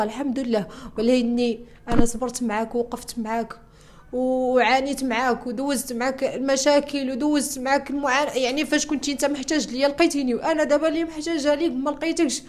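A woman's voice: high voice, fairly even intonation, racing. A young woman with a Moroccan Arabic accent giving an emotional personal testimony, distressed, repeating herself and restarting her sentences. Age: young adult. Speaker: interviewee.

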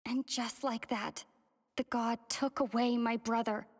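A young travelling heroine telling her story in a video game. The voice is somewhat high, soft and measured, wistful but determined. A long reverb trails it. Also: level tone. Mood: wistful, resolute.

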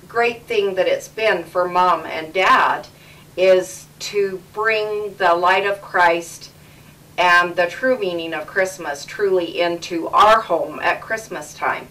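A woman's voice: lowish voice, a bit bright, distant mic, rough recording. A middle-aged woman from Canada hosting a casual home interview with her parents, chatty and repeating words for emphasis, recorded as old camcorder audio.

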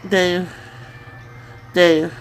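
A woman's voice: on the low side, level tone, takes it slowly, faint music behind. A woman in casual chat, teasingly prodding a sleep-talking partner with repeated questions. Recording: noisy home recording.

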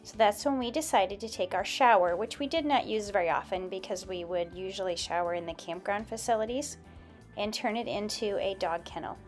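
A woman's voice: mid-range voice, fairly quick, faint music behind. A woman narrating a step-by-step build tutorial in a plain, explanatory voice-over.

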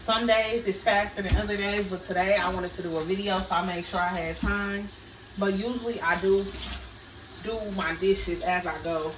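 Medium in pitch, this vlogger's voice chats casually through a cook-with-me session, addressing y'all. A camera across her small home kitchen captures roomy sound, running water, and background noise.

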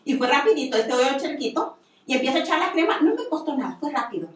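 Talking fast in a high, sing-song voice, a woman recounts her faith story on a radio program with earnest, frequent repetition. The studio sounds echoey, and the microphone is set far away.

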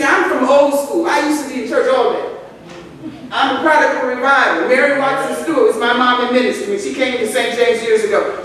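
An older woman preaching at a church pulpit, her talk loose and conversational as she tells stories and speaks straight to the congregation. The sound booms through a big hall with a long echo and is picked up from a distance, with faint noise underneath. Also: fairly bright tone. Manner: conversational storytelling with asides to the congregation. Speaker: pastor. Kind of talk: sermon. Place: large church sanctuary, at a pulpit. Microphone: pulpit microphone, far camera. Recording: echoey church hall from afar.

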